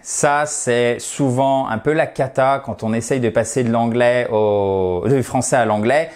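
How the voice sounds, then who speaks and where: A man's voice: mid-range voice, unhurried, darkish tone. A man teaching English in an online video lesson, explaining patiently step by step and addressing viewers as dear friends.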